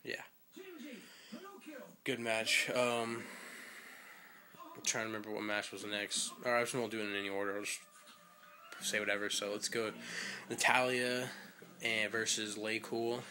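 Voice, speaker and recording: Young man, low voice, bright timbre, chatty rambling recap with fillers. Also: little pitch movement, normal speed, long pauses. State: out of breath. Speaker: wrestling fan vlogger. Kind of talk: casual results recap.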